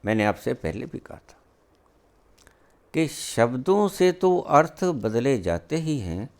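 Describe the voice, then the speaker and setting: A man delivers a spiritual discourse slowly, with long pauses between words. His pitch swings widely as he fires off rhetorical questions and scolds emphatically. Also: very animated, darkish tone. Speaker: spiritual teacher.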